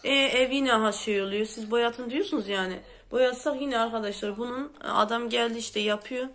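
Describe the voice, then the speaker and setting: A woman's voice: fairly high pitch, moderate pace, fairly bright tone. A woman hosting a casual home vlog, chatty and exclamatory, a bit sick with a sore throat, complaining as she talks. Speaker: vlogger host. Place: at home, indoors.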